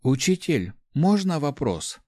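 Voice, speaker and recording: A man's voice: fairly high pitch, big pitch swings, slow pace, a little mellow, dry recording, clean studio sound, voice pushed up, exaggerated voice. A man voicing an earnest young woman student who asks hesitant, pleading questions, in an audiobook.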